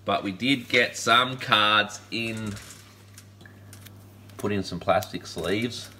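A man's voice: lowish voice, takes it slowly, noisy background. A man, hosting a casual unboxing chat, upbeat and rambling with laid-back slang. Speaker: collectibles channel host. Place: indoor room lined with collectible shelves.

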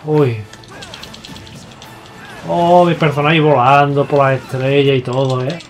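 A young man with a Spain Spanish accent giving excitable, foul-mouthed live gameplay commentary, yelling at his opponents. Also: mid-range voice, slow pace. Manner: excitable, swears a lot, yells at opponents. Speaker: gaming YouTuber. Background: faint game music.

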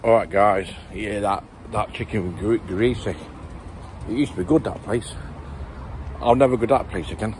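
A man's voice: lowish voice, moderate pace. Male vlogger, repetitive chanting chat, phone mic outside with street noise behind. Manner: repetitive sing-song chanting. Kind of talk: casual vlog. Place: outdoors on city streets. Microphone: phone held at arm's length.

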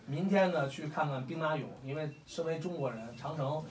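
A man's voice: on the high side, brisk. A man in his forties with a Beijing accent, talking bluntly and heatedly to a crowd of fans, swearing often. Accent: Beijing Mandarin. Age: 40s. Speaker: fight fan meetup host. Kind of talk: casual talk to a crowd. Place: room with a gathering of fans. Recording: echoey room, mic at a distance.

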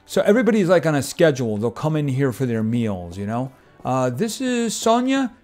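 A man's voice: mid-range voice, sing-song, a little fast, darkish tone. A man streaming a farming game, chatting casually and making wry asides. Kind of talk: casual gameplay commentary. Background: game music.

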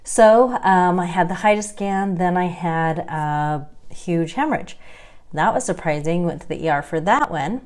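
A woman in her thirties vlogs from a small room at home, close to her webcam, sharing her health journey. Her slightly low voice is unhurried, and her talk is chatty, wry and self-deprecating, with frequent laughs and dry asides.

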